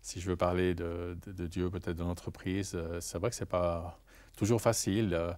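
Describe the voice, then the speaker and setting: Low-voiced hesitant French-speaking man. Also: little pitch movement, moderate pace, darkish tone. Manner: hesitant, repeats words, earnest. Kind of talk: casual studio interview. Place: TV studio.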